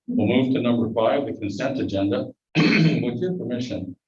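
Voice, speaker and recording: A man with a mid-range, slightly mellow voice chairs a public board meeting at a moderate pace, muffled through a face mask, and runs the agenda with dry asides. The meeting room recording is distant, dull and echoey.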